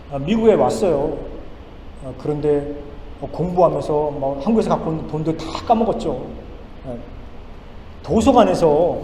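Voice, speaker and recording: Emphatic middle-aged pastor in echoey hall. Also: male voice, on the high side. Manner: emphatic preaching, swings between loud pleas and hushed storytelling. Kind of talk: sermon. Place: church sanctuary. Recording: echoey church hall with faint noise.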